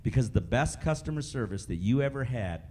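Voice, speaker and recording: A man with a warm, mellow voice runs a live training session for a group, drilling key ideas by repeating them and turning to the room with questions. A faint hum of background noise sits under his voice. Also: mid-range voice, animated, brisk. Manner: repeats points and quizzes the audience. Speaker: customer service trainer. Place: meeting room with a live audience.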